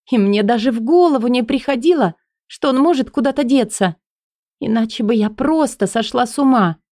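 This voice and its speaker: A woman voicing a torn young woman in an audiobook, speaking high and breathless as she pleads. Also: a little mellow, dry recording, clean studio sound.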